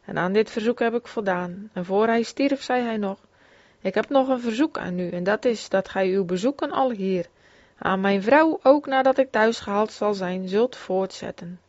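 A woman reads an old devotional memoir in a steady, solemn voice, in no hurry. Her pitch sits in the middle. The recording is dry and a little dull, as if made close to a plain home mic. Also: dry recording. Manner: steady, solemn reading in formal old-fashioned Dutch. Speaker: reader. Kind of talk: reading a religious memoir aloud.

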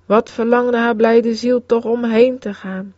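Woman, solemn devotional reading, slightly high, mellow voice, dull dry recording. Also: fairly even intonation, no room sound. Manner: solemn, slow in quoted prayers. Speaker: reader.

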